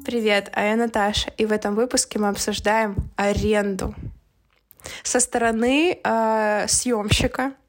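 A woman's voice: medium pitch, steady tone, measured pace. A woman co-hosting a podcast in casual, slangy, hesitant chat, with a slight lisp that makes her s and sh slushy. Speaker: podcast co-host.

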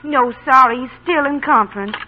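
A woman's voice: high voice, lightly acted. A woman playing a harried secretary. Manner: brisk and dutiful. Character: busy young office secretary. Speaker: radio ad actress. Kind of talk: 1930s radio ad acting. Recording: tinny old radio broadcast with hum.

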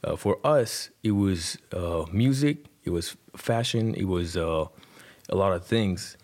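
Speaking a little slowly, a man in his twenties with a low, darkish voice shares his life story as a podcast guest. He's a rapper from Iran whose first language is Persian, and his Iranian-accented speech is loose and chatty, full of "like" and "you know."

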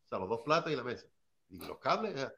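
A man's voice: mid-range voice, very animated, fast, creaky, sharp tone, dull audio. A man from Seville, telling hip hop anecdotes in a rambling, casual way and often asking "¿sabes?". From Seville, Spain. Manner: rambling, tags lines with "¿sabes?". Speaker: early hip hop artist.

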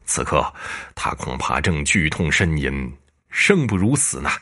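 A man's voice: a bass voice, sing-song, measured pace, sharp tone, exaggerated voice. Man doing a cold underworld ghost general. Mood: cold, commanding.

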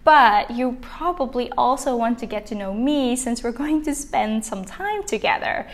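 A Belgian woman whose first language is Dutch hosts a solo podcast as a business coach, sounding warm, chatty and encouraging. Her voice is on the high side with lively intonation, and she speaks a little slowly.

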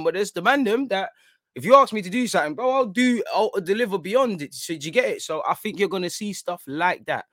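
A man's voice: sits high, fairly bright tone, dry recording, clean studio sound. A man with an urban London roadman accent and slangy delivery, chatting casually about football to his audience. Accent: London, urban street slang. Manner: slangy roadman-style talk, addressing listeners as bro and man. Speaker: football fan content creator.

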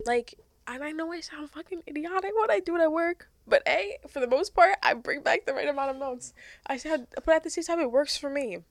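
A young adult woman co-hosting a casual podcast, talking fast and loose, rambling and swearing freely. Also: sits high. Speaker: podcast co-host.

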